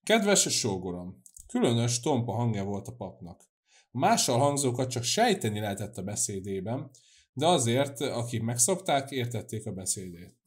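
A man narrating a classic novel in a steady, measured reading voice. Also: medium pitch. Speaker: audiobook narrator. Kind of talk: scripted narration.

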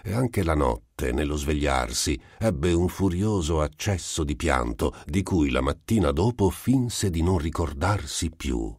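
A man narrates a literary audiobook in an extremely deep voice. His phrasing is measured and expressive, slowing to weigh the words. The recording is dry and close. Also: husky, no echo.

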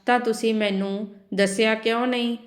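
A woman's voice: a little high, fairly even intonation, moderate pace, reverberant, lightly acted. A woman voicing a grown, wealthy son who pleads with his mother in regret. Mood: remorseful. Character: remorseful rich grown son, tearful.

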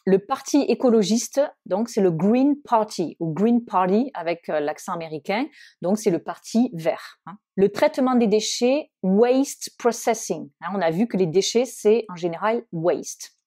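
A woman teaching English vocabulary in French, with many hesitant fillers, slowing down to model each English word. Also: medium pitch, expressive, dark tone. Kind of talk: vocabulary lesson.

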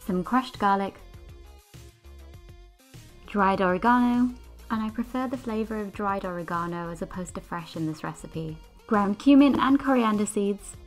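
A young woman hosting a cooking channel, talking through a recipe in an upbeat, chatty, slangy way over soft background music. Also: mid-range voice. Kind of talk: casual recipe talk to camera, then voice-over narration.

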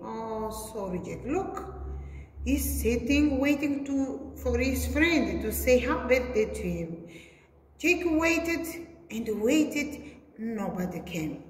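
A preschool teacher reads a story aloud to small children in an indoor classroom, using simple, repeated phrases and exaggerated sing-song emphasis in her fairly high voice. The room is echoey with long reverb, and there's a little hiss or hum.

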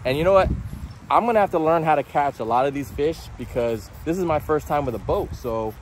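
A man's voice: fairly high pitch, lively intonation, brisk, slight background noise. A man co-hosting a fishing vlog outdoors by a pond, chatting to viewers while he films a friend fighting a fish. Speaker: fishing vlog co-host filming. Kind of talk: casual outdoor vlog chat. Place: outdoors by a golf course pond.

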